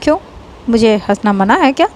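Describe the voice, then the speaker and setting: A woman's voice: a little high, animated, moderate pace, darkish tone, slight background noise, natural voice. A woman voicing a stern young sister-in-law who scolds and questions with mock anger.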